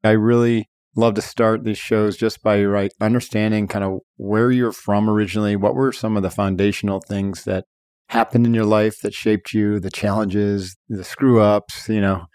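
A man's voice: fairly low pitch, steady tone, normal speed, a little mellow, no room sound, clean studio sound. A middle-aged man hosting an interview in an enthusiastic, chatty way, with plenty of loose fillers. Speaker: podcast host. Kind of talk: casual interview chat.

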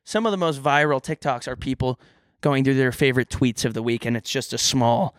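A man's voice: medium pitch, fairly quick, no room sound, studio quality. A man co-hosting a podcast in casual, comedic chat, joking and self-deprecating, who pronounces his th sounds as f. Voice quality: says th sounds as f. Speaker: podcast co-host.

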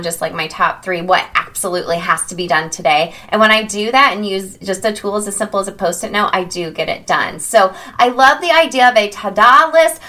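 Bright-voiced upbeat woman podcast host. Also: mid-range voice. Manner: upbeat, chatty, exclaims "ta-da" playfully. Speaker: podcast host and habit coach. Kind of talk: casual podcast monologue.

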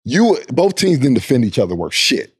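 Young host guy, low husky voice, jumps all over in pitch, slangy and joking. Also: big pitch swings. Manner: slangy, joking, chimes in with quick agreement. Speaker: podcast host, former college player. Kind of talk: casual chat.

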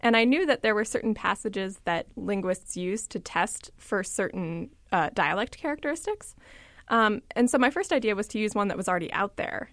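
A woman's voice: medium pitch, animated, normal speed, fairly bright tone, dry recording, clean studio sound. Enthusiastic woman reporter explaining a story. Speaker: radio reporter. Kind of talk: conversational radio talk.

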